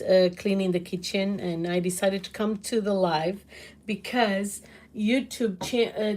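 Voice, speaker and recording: A middle-aged Portuguese woman with a Portuguese accent, chatting loudly to her livestream viewers from her home kitchen, laughing often. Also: mid-range voice. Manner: loud, laughs often, exclaims. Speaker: livestream host. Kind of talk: casual livestream chat answering comments.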